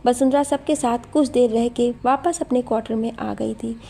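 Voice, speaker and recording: A woman narrating a scripted story in a calm, steady manner. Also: fairly high pitch, moderate pace, vocal fry, breathy edge.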